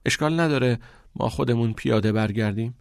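A man voicing a bold, daring teenage schoolboy in a storybook reading, eager and brisk. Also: medium pitch, gravelly, clean tone, dry recording, clean studio sound, lightly acted. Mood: casual.

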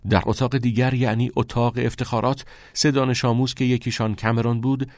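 A man reading a novel aloud as an audiobook narrator in a steady, measured way. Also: on the low side, no room sound. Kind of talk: scripted narration.

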